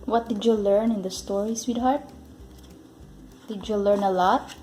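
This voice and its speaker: A woman, a parent, chatting casually in a home vlog and gently prompting her child with simple questions. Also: medium pitch, steady tone, unhurried. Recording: roomy echo.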